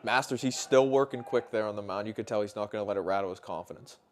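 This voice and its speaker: A man's voice: lowish voice, fast talker. A man working as a color commentator, analysing a live baseball game in a conversational way.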